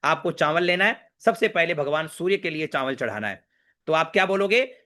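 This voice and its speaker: A middle-aged man, a Vedic priest, explaining a home worship ritual step by step, addressing the viewer directly and reciting mantras slowly and deliberately. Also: a little high, animated, sharp tone. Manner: slow, measured mantra recitation between brisk explaining; addresses the viewer directly with "dekho" and "theek hai".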